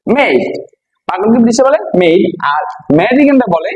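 A man's voice: very high voice, animated, brisk, narrow, tinny audio. A man from Bangladesh teaching a vocabulary lesson, repeating each word and quizzing his listeners with questions. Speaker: English teacher. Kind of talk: classroom-style vocabulary lesson.

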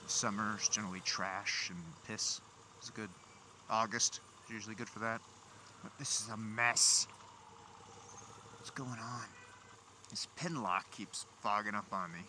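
A man's voice: on the low side, steady tone, measured pace, pauses often, pushed and bright. A man vlogging casually from inside a motorcycle helmet as he rides, with wry, grumbling asides to himself. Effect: voice enclosed inside a motorcycle helmet. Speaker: motovlogger. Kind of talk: casual chat, muttering to himself while riding. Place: riding a motorcycle outdoors on city streets at night. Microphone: small mic inside helmet, recorder. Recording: engine and traffic noise, helmet-mounted mic.

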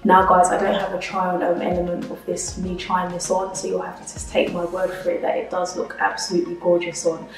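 A woman's voice: on the low side, completely flat delivery, fairly quick, creaky, few pauses, soft background music. A woman, reviewing clothes in a chatty, upbeat way and often calling her viewers "guys", recorded at home. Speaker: fashion vlogger. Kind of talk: try-on haul review. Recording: roomy echo, mic at a distance.

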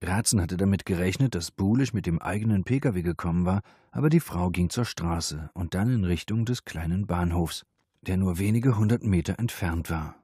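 A man narrating a thriller audiobook in a steady, measured read. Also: sits low, husky, no room sound, studio quality. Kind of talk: scripted narration.

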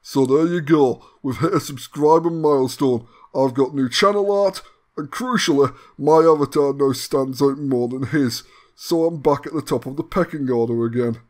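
A man's voice: medium pitch, moderate pace, darkish tone. A man hosting a gaming channel, delivering a comedic announcement with sardonic, mock-grandiose banter.

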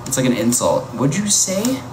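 A chatty man on a livestream reacts to viewer comments in casual talk, his mid-range voice swinging hugely in pitch at a normal speed. The audio is echoey and full of loud ambient noise.

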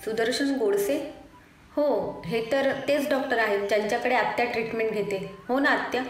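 A worried young woman asking anxious questions, voiced by a woman storyteller. The voice sits fairly high. It rings in an echoey room with faint noise. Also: moderate pace, distant mic, close to an everyday voice.

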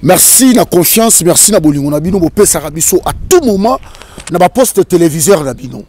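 A man in his thirties hosting a street interview outdoors with a handheld mic, presenting in a lively, announcer-like way. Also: sits high, brisk. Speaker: interview host. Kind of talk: energetic show presenting in French and Lingala. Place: outdoors by a river in a park. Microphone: handheld microphone.

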